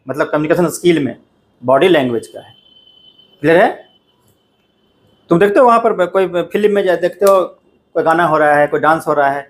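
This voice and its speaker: A middle-aged man teaches a class in a classroom, speaking straight to his students. His voice sits fairly high, and he keeps checking that they follow him as he explains. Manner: addresses students directly, repeats "ठीक है ना" often. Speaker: coaching teacher. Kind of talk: classroom lecture.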